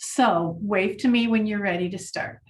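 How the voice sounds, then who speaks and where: A woman leading a children's mindfulness lesson, speaking gently and encouragingly to the class. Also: mid-range voice, normal speed, distant mic.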